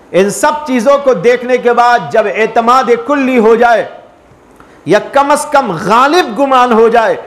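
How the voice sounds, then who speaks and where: A man preaching a sermon as a mufti, earnest and repetitive, teaching through parables and rhetorical questions. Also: very high voice. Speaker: mufti giving a spiritual talk.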